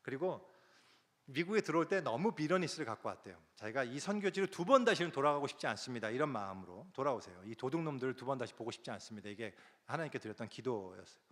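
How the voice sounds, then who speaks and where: A man's voice: medium pitch, fast talker. A man preaching a sermon as a pastor, telling a story and acting out the prayers and words of the people in it. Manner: animated, acts out quoted prayers and dialogue. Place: large church sanctuary. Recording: long hall reverb.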